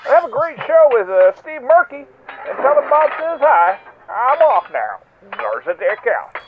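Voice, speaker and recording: A stammering, chatty male inmate rings in over a prison payphone call, as a man puts him on. His voice sits very high and swings about a lot. The line is thin and tinny, with a faint hiss underneath. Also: very animated, unhurried, exaggerated voice. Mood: rambling. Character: cheerful male prison inmate calling collect. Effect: prison payphone call over a tinny phone line.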